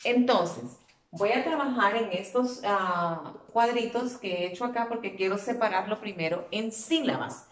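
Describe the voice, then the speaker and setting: A woman teacher giving a spelling lesson to children, patiently drawing out and repeating words as she explains. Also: mid-range voice. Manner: patient, drawn-out repetition of words. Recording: echoey room.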